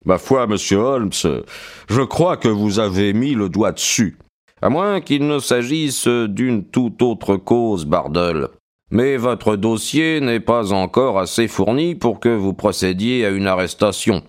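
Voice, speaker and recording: Male reader as a probing, doubtful police inspector; audiobook, low register. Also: lively intonation, slow pace.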